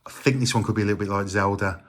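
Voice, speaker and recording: Middle-aged man, slightly low register, casual rambling vlog delivery, plenty of filler words. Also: very fast. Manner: relaxed, rambling, many ums and uhs. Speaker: retro game collector.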